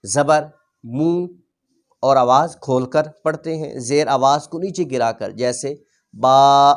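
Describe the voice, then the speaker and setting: Patient man teaching a reading lesson. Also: a little high. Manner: patient, repeats rules and sounds out letters slowly. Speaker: Quran teacher.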